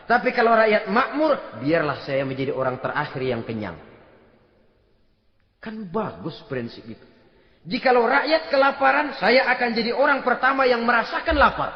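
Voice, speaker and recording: A high-voiced man tells a sermon story, acting out each voice and dropping to a near hush. The sound is dull and lo-fi, like an old tape. A long echo from a large hall hangs behind him. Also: sing-song, normal speed. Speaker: Islamic preacher.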